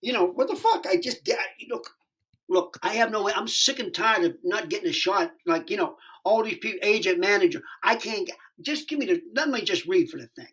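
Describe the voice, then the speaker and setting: A man's voice: sits high, fairly quick, low-quality recording. A stand-up comedian in his sixties telling a story as a podcast guest, rambling and profane with lots of restarts. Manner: rambling, animated, profane, many fillers and restarts. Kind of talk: casual storytelling interview.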